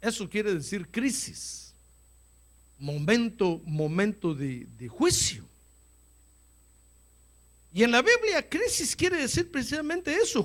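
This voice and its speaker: High, lively-voiced male pastor preaching. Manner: animated preaching with direct address to listeners; humorous asides. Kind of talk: sermon. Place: church.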